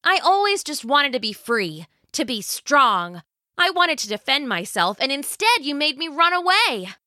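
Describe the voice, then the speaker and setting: A woman voicing a rebellious teenage girl hero who speaks high, eager and defiant. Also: big pitch swings, normal speed, sharp tone, no room sound, studio quality, exaggerated voice.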